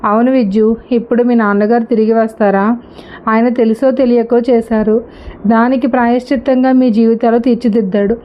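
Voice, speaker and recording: A practical, argumentative young husband, read aloud by a woman who talks down to his wife. The voice sits fairly high. The recording is slightly dull and lo-fi. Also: steady tone, a little fast, natural voice. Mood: arguing.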